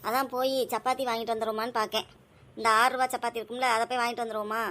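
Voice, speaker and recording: High-voiced mother in casual family chat. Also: flat delivery, sharp tone. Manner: brisk, scolding yet caring.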